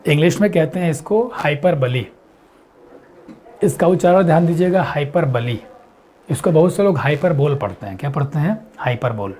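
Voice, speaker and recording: A man's voice: a little high, darkish tone, slight background noise. Man teaching an exam-prep lesson. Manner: explains step by step, asks and answers his own questions; reads English quiz lines slowly and deliberately.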